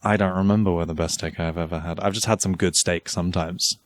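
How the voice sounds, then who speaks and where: British male podcast co-host, low voice, rambling jokey delivery, dry close mic. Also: steady tone, fast, no room sound. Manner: rambling, jokey, trails off mid-sentence. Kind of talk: casual chat.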